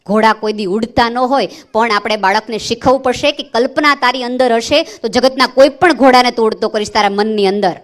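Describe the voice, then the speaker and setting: A woman's voice: fairly high pitch, brisk, hardly any pauses. Earnest woman giving a talk. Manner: earnest, storytelling with repeated phrases. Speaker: motivational speaker. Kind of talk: motivational speech.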